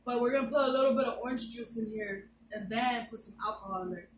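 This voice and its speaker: A woman's voice: on the high side, fast talker. A young woman co-hosting a casual family chat at home, laughing often and joking back and forth. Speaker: co-host, the host's daughter. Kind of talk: casual family chat, mock tough-girl slang. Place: home, indoors. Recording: echoey room, far from mic, faint hiss.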